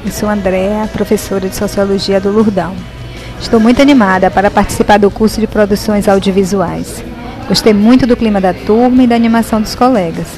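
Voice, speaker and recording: Cheerful woman teacher saying hi, music clearly behind. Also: medium pitch, fairly even intonation, a little fast. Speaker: sociology teacher. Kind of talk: recorded self-introduction.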